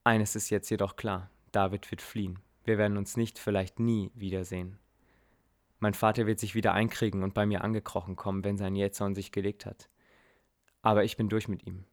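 Low-voiced man telling a story. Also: level tone, brisk. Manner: reflective, earnest, with blunt casual swearing. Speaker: narrator. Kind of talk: first-person dramatic story narration.

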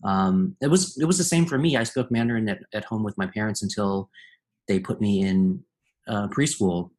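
A man appearing as a guest composer chats in a casual, easygoing conversation, his slightly mellow voice sitting a little low. He speaks thoughtfully, pausing as he searches for the right words.

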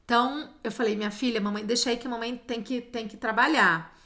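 A woman chatting casually and telling stories about her young daughter in an animated way. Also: on the high side, a little fast. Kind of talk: casual chat.

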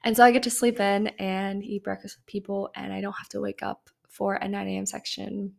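A woman's voice: medium pitch, little pitch movement, fairly quick, creaky, darkish tone. A young woman in college hosting a casual podcast, chatty and sick, with lots of fillers. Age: young adult. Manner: chatty, filler-heavy, laughing often. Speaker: podcast host. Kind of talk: casual chat.

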